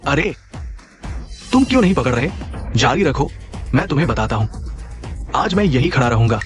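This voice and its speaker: A man's voice: mid-range voice, sing-song, normal speed, faint music behind, lightly acted. An actor playing a greedy, bullying male village headman who sneers and blusters. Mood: taunting. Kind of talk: dubbed short drama acting.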